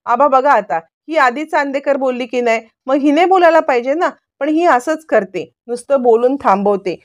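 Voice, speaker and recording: Woman doing a cocky young husband who won't stop bickering, kinda high voice. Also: normal speed, close to an everyday voice. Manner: bickering, bragging, pushy. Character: boastful quarrelsome young husband, man.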